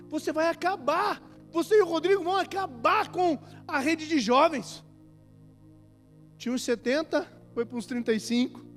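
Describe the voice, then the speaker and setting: High-voiced, impassioned preacher man. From Brazil. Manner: impassioned, swings from hushed to shouting. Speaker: pastor. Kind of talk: sermon. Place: large church hall at a conference. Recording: hall reverb with music under it.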